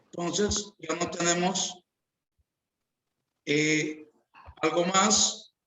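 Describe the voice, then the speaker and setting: A man with as his teaches a grammar lesson, drawing out each word and repeating examples. His voice sits high and sounds bright. He speaks very slowly in a roomy, echoing space. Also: steady tone, slight background noise. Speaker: English teacher. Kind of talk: slow classroom grammar lesson.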